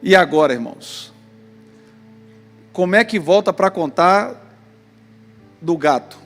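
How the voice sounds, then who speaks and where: A man with a Brazilian Portuguese accent preaching a sermon, telling a story in an animated way to the congregation in a church hall. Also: high voice, takes it slowly. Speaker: pastor. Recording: long church reverb, faint music.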